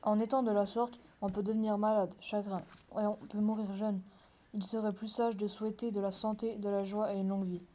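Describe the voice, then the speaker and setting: A woman reading the part of a peasant husband in a fairy tale, in a flat, even way. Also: medium pitch, fairly quick, close to an everyday voice. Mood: reasoning. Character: hot-tempered peasant husband, middle-aged man. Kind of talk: read-aloud fairy tale dialogue.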